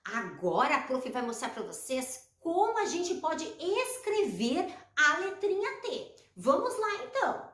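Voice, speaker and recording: A Brazilian woman teaching children letter sounds, slow and encouraging, drawing out each syllable. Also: sits high, big pitch swings, fairly bright tone, reverberant. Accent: Brazilian Portuguese. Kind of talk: children's phonics lesson.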